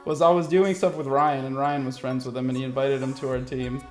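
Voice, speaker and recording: A man's voice: medium pitch, flat delivery, brisk, soft background music. A young man in casual gamer conversation, talking in bro-ish slang with some swearing. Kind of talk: casual chat.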